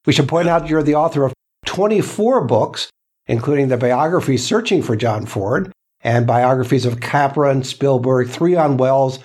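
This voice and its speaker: A man hosts an interview show in a medium-pitched, raspy voice. He presents in deliberate phrases, setting out introductions and questions piece by piece. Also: darkish tone. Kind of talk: podcast interview hosting.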